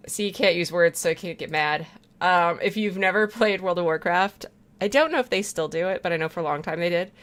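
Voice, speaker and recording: A woman's voice: lowish voice, fairly quick, a bit bright. A woman streamer chatting casually while playing a game, rambling, swearing freely and laughing often. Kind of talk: casual chat while gaming.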